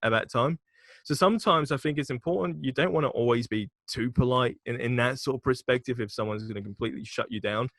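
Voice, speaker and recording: A man's voice: medium pitch, fast, hardly any pauses, a bit bright, no echo. Frank, chatty man. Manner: chatty, frank, swears casually, laughs often. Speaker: podcast guest, agency founder. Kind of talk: casual podcast chat.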